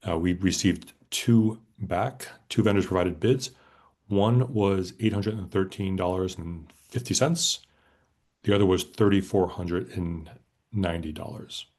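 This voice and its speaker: A man leading a town committee meeting, calmly walking through schedules, audits and bids step by step. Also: deep voice, a little slow.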